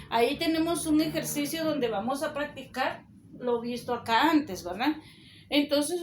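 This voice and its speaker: Woman teacher reading out spelling rules slow n careful, kinda high voice, echoey room. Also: slight background noise. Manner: slow, deliberate, dictates rules aloud. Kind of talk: recorded spelling lesson.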